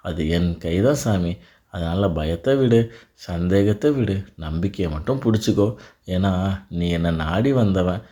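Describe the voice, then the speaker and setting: A man delivering a devotional blessing in a calm, reassuring voice, speaking directly to the listener. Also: sits low. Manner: calm, reassuring second-person address. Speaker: devotional narrator.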